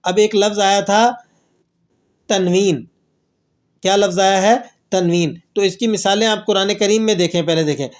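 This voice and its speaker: A man teaching Quran recitation, who asks questions and answers them himself and slowly draws out the verses he recites as examples. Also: high voice, fairly even intonation. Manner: slow drawn-out recitation of verses. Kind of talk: tajweed lesson with recited examples.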